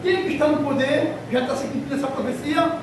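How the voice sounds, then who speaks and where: A man's voice: very high voice, fairly even intonation, fast, background noise. A man with a Brazilian Portuguese accent, a fervent, rambling preacher in a church hall. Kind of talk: sermon. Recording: echoey hall, far mic, loud music.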